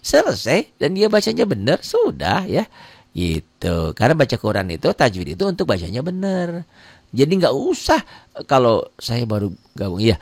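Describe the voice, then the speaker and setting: Lively Indonesian-speaking male Quran teacher. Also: slightly rough, dry recording. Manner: casual, chatty teaching with quick pitch jumps and acted-out dialogue. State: tired. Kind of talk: live online lesson, answering viewer comments.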